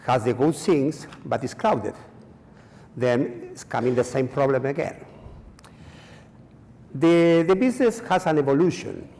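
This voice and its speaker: A Chilean man gives a conference presentation in a hall, his non-native English halting and full of fillers and repetitions. His mid-range voice is expressive with a darkish tone, and the hall adds a long reverb.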